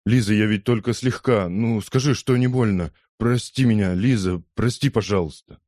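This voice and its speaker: A man's voice: lowish voice, moderate pace, a little mellow, dry recording, clean studio sound, pitched above the performer's own voice, lightly acted. A man voicing a surly, drunk young man who snaps harshly in an audiobook. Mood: remorseful. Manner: gruff, snapping.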